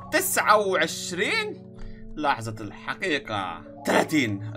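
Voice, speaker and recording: A young man doing playful, dramatic let's play commentary and joking about being scared. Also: a little high. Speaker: gaming YouTuber.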